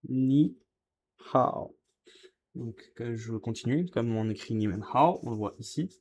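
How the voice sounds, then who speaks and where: A man's voice: medium pitch, mellow, slightly rough. A man who is a beginner, showing how he writes Chinese characters in a casual tutorial, hesitant and correcting himself as he goes. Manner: hesitant, self-correcting, repeats words slowly. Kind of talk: casual tutorial while writing. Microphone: camera filming his writing.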